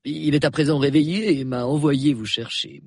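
A courteous storybook valet, as a man reads him, formal and deferential. His voice stays near the reader's own, soft and breathy. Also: on the high side, fairly even intonation, moderate pace, no echo, clean studio sound. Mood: polite. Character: respectable, polite male valet.

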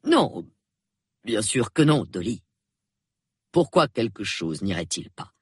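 A man voicing a tired older colonel in an audiobook, hesitant and falsely hearty, lower and quieter than his narration. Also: big pitch swings, slow, slightly rough, no echo, studio quality, full character voice. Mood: evasive. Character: weary older colonel, man, forced cheer. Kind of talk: audiobook character voice.

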